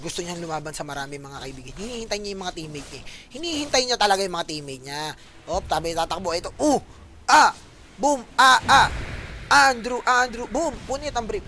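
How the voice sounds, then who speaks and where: Bright, high Filipino esports caster. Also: male voice, a little hiss or hum. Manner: animated, mixes Tagalog and English, keeps calling out to viewers. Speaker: esports commentator. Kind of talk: live esports play-by-play commentary.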